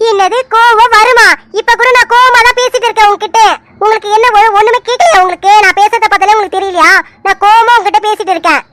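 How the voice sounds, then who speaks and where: A woman voicing Poomari, a playful and quick-tempered young village woman in an animated serial, who argues in rapid, indignant bursts. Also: very high voice, dry recording. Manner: indignant, rapid back-and-forth arguing. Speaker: cartoon character.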